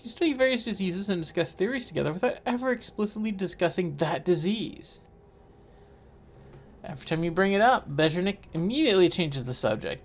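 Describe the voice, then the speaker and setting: Animated game narrator with joking asides. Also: medium pitch. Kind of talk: reading aloud a horror game narrative with asides.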